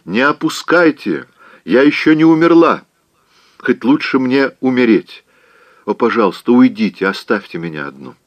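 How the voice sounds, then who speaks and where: A man's voice: medium pitch, big pitch swings, normal speed, no room sound, lo-fi sound, voice pushed up, lightly acted. A man doing a spoiled, stormy young woman. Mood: petulant pleading. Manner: petulant, pleading, stormy.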